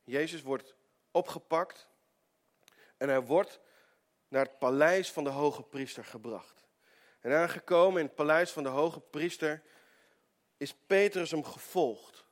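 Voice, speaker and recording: A male preacher telling a story during a sermon in an earnest way, with stammering restarts, often dropping into a hushed tone. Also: a little high, measured pace, pauses often.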